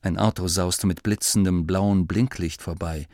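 A man narrating an audiobook in a measured, expressive way. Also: low-pitched, dry recording, studio quality. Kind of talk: scripted narration.

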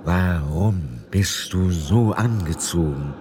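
Storybook role: eerie icy winter spirit, slow and hollow, very deep, drawn-out words, with background noise. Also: male voice. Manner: slow, hollow, uncomprehending speech. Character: cold ghostly winter spirit, male, eerie and strange.

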